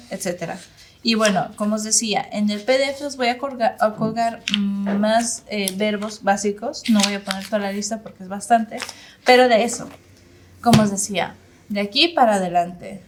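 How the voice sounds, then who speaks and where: A woman giving an informal online English lesson in Spanish. She models English phrases slowly, searches for words and fills her pauses. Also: mid-range voice. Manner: hesitant, searches for words with many fillers. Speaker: English instructor.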